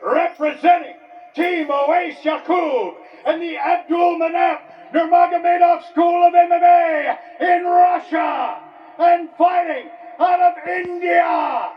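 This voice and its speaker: A man announces fighters in a booming, drawn-out shout, stretching each name. His voice sits very high and moves slowly. It comes over an echoey arena PA, heard from afar and slightly dull, with a faint crowd behind. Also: fairly even intonation, distant mic. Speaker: ring announcer. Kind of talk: fight introductions.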